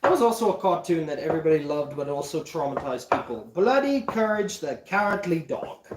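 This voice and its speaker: A man's voice: a little high, big pitch swings, brisk. A man cooking and rambling jokily to himself in a casual vlog, in a home kitchen. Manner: rambling, jokey, prone to voices. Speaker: cooking vlogger. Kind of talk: casual self-talk while cooking. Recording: echoey kitchen.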